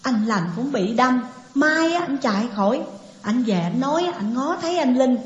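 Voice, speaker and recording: A woman voicing a distraught young daughter, crying in a high, pleading voice, in an echoey, dull lo-fi recording. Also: expressive, moderate pace. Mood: tearful.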